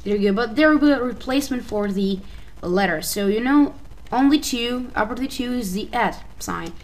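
A woman's voice: fairly high pitch, lively intonation, normal speed, slight background noise, rough recording. A woman from Albania with an Albanian accent, a native Albanian speaker, narrating a casual screen-recording tutorial in a hesitant way, often restarting and correcting herself. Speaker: tutorial maker.

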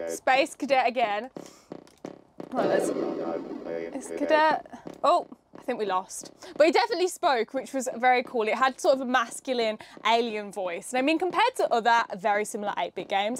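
A woman's voice: on the high side, slight background noise. A young woman hosting a casual hands-on demo, chatting and explaining each step with a few fillers. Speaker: host.

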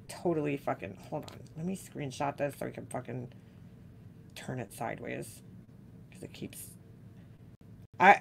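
A woman's voice: deep voice, creaky, sharp tone, a little hiss or hum. A woman streamer with a New York accent, reading a letter aloud and ranting about it with scornful, profane exasperation. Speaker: makeup commentary streamer. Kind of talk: ranting live reaction.

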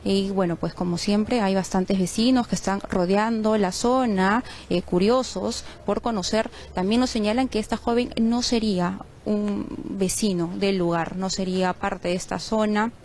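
A woman from Peru delivering a live news report from a crime scene, measured and a little halting. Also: medium pitch, fairly even intonation, darkish tone, a little hiss or hum. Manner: measured, with frequent fillers. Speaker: field reporter. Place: outdoors on a street at a crime scene.

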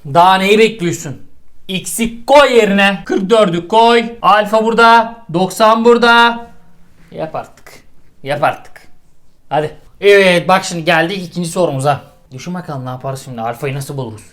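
High-voiced, exasperated male math tutor. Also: a bit bright. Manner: exasperated, crude scolding with swearing. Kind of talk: comedic geometry lesson.

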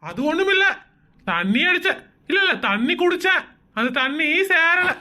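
A woman's voice: very high-pitched, sing-song, normal speed, sharp tone, full character voice. A woman acting a tipsy husband who fumbles excuses and scolds his wife in a comedy skit. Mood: evasive. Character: tipsy bumbling husband, middle-aged man, evasive.

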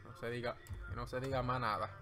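A man's voice: mid-range voice, little pitch movement, fast. Joking Dominican man streaming, music behind. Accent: Dominican Spanish. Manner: playful, rambling, jokey. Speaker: streamer drawing live. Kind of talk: joking running commentary while drawing. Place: at home. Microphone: desk microphone.

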